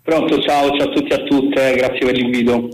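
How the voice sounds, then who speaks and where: A man's voice: mid-range voice, level tone, a little fast. A man phoning in to a radio show as a guest, on speakerphone with an echo of feedback on the line. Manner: hesitant, many filler sounds. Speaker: phone-in guest from an activist collective. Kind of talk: phoned-in radio interview.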